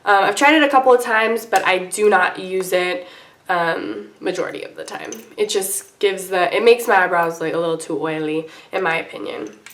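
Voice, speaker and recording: A woman's voice: fairly low pitch, moderate pace, fairly bright tone, echoey room. A woman hosting a casual beauty tutorial in an informal, rambling, apologetic way, her voice icky and under the weather from feeling sick. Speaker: beauty vlogger and host. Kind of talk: casual makeup tutorial chat to camera.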